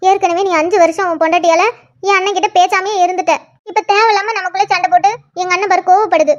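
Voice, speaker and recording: A woman doing a sly, shrill scheming aunt. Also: fairly even intonation, dull audio. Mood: defensive. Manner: sly, self-pitying, quick. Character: scheming middle-aged aunt, defensive and sly. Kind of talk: cartoon voice acting.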